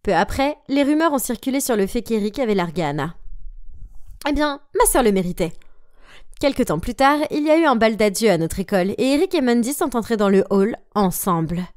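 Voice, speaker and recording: A woman's voice: on the high side, expressive, brisk, darkish tone, dry recording. Woman narrating a story, dry sound. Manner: voices every character herself.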